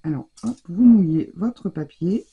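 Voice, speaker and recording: On the low side and husky yet mellow, this woman's voice has lively intonation and a measured pace. She's a craft tutorial host chatting to viewers as she demonstrates, frequently restarting sentences and trailing off.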